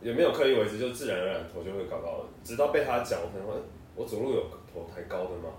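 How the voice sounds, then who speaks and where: A low-pitched young man with a Taiwanese Mandarin accent rattles off childhood stories at a brisk clip, laughing as he goes. He sounds set back from the mic in a very echoey room, with a faint hiss underneath. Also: animated, darkish tone, far from the mic. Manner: laughs often, storytelling. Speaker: podcast co-host. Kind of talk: casual chat.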